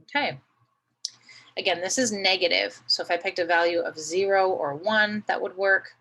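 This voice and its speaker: A woman's voice: mid-range voice, normal speed, pushed and bright, low-quality recording. A woman teaching a math lesson, patiently talking through each step and often checking in with "right?".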